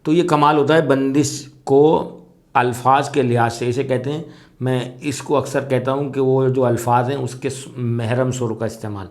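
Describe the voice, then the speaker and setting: Measured male soz teacher explaining. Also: medium pitch, fairly even intonation. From Pakistan. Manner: explanatory, measured, with frequent fillers. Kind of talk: spoken lesson.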